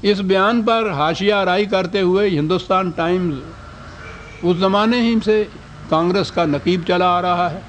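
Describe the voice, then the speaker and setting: A man's voice: high-pitched, highs cut off, a little hiss or hum. An older man giving a scholarly lecture, reading out historical quotations and putting rhetorical questions to his audience.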